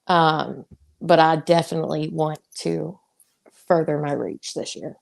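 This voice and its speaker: A woman's voice: sits low, fairly even intonation, unhurried, creaky. A young woman with a Southern US accent, a wrestler chatting as a guest in a casual interview, laughing often and drawing out her words.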